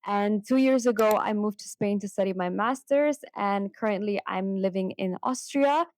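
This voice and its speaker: A young woman from Hong Kong, chatty and animated, talking casually to camera in a vlog. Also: mid-range voice, normal speed. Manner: chatty and animated, with emphatic repeats. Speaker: vlogger.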